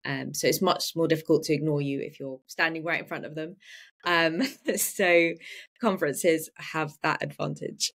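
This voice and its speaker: A woman's voice: low voice, steady tone, moderate pace, fairly bright tone. A woman who works as a freelance medical writer, giving practical, step-by-step advice to viewers on a live webinar over a video call. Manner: practical, explanatory, starts points with "so".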